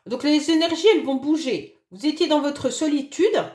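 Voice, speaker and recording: Hoarse woman tarot reader, high voice, gentle reassuring delivery, echoey room. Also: normal speed. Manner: gentle, reassuring, fond of "d'accord?" and "hein". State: hoarse voice after illness, occasional cough. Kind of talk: monthly astrology reading for a sign.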